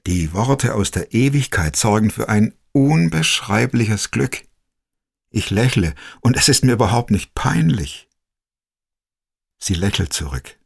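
A man narrating a personal story in the first person, slow, quiet and reflective. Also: lowish voice, big pitch swings, gravelly, breathy edge.

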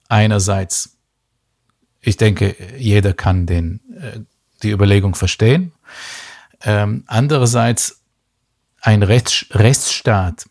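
Low-voiced, thoughtful man from Israel. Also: vocal fry, darkish tone. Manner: thoughtful, measured, many fillers and restarts. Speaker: guest expert. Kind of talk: explanatory podcast talk.

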